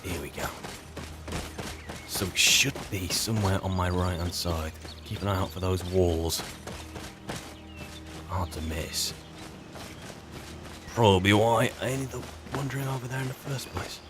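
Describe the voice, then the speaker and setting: With game music in the background, a man in a low voice plays a game in character, offering casual role-play commentary. He speaks at a measured pace with frequent pauses, musing and muttering asides to himself.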